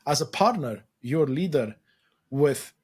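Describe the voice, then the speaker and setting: A Romanian man co-hosts a casual conversational podcast, sounding affirming and reflective and often tagging statements with "right?" to check in. His voice is a little high, animated yet unhurried, a little mellow with a breathy edge.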